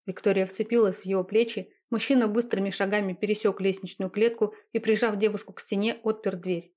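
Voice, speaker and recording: A woman reading a romance novel aloud in a steady, intimate narrating voice. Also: mid-range voice, brisk.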